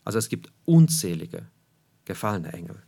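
A male preacher delivering a sermon in an emphatic way. He keeps returning to key phrases and puts rhetorical questions to his listeners. His pitch swings widely between high, forceful points and low, quiet drops. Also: very animated, normal speed, gravelly, husky.

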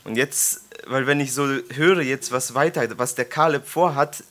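A man's voice: medium pitch, unhurried, fairly bright tone. A man in his thirties preaching to his congregation, reading scripture aloud and joking with listeners through questions. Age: 30s. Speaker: preacher leading a Bible study. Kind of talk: informal sermon with scripture reading. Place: church congregation gathering.

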